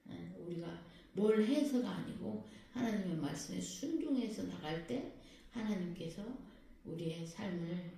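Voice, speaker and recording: Warm-voiced woman pastor preaching in an echoey hall. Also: fairly low pitch, unhurried, gravelly. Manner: lively preaching that keeps questioning the congregation. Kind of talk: sermon. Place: prayer house worship hall. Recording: very echoey hall, voice far from the mic.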